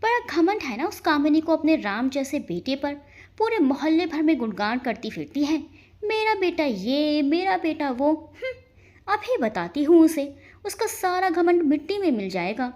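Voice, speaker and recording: A woman's voice: high-pitched, sing-song, normal speed, darkish tone. A woman voicing a scheming, gossiping middle-aged neighbor who taunts and mocks in a storybook reading. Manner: taunting, mocking.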